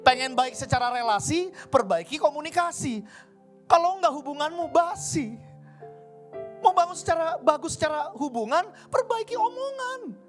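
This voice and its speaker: A man's voice: extremely high pitch, expressive, moderate pace. A man preaching a conversational sermon, acting out everyday dialogue in different voices. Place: church service hall. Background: faint keyboard music.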